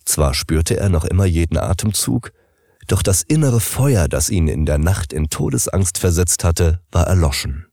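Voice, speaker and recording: A man narrating an audiobook in an expressive, wry style. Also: sits low, moderate pace, no echo, studio quality. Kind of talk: scripted narration.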